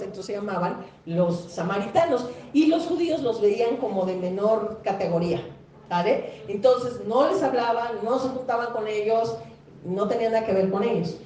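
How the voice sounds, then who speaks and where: Woman pastor, conversational sermon, mellow higher voice, echoing hall, mic far off. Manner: conversational preaching, quizzes the congregation, acts out quoted speakers.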